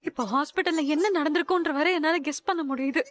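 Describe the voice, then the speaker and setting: A woman's voice: high-pitched, fast, natural voice. An actress in a TV serial playing a young wife who apologizes to her husband through tears. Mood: remorseful. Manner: tearful, apologetic. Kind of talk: Tamil TV serial acting.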